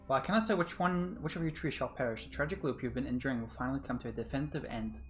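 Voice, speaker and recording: A man's voice: mid-range voice, racing, soft background music, close to an everyday voice. A man voicing a polite undead male mastermind who speaks in formal, old-fashioned phrases. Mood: courteous. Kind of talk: voicing a game character.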